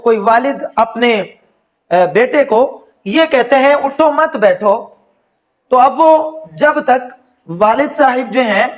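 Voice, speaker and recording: A man with a Pakistani Urdu accent teaches an online Quran lesson, and his voice sits very high. He explains patiently and slows right down to recite his examples.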